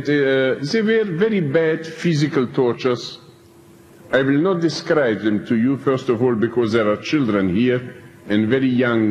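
An older man, speaking slowly and emphatically as he recounts his prison experience to an audience. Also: medium pitch, a little mellow, slight background noise. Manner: slow, deliberate, emphatic phrasing with pauses. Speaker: preacher telling his prison story. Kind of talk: slow spoken testimony to an audience. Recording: dull lo-fi archive tape in a reverberant hall.

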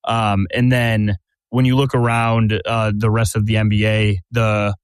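Steady man hosting a sports podcast. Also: fairly low pitch, unhurried, clean tone, dry recording. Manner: steady, lays out questions and scenarios. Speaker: podcast host. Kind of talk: casual sports chat.

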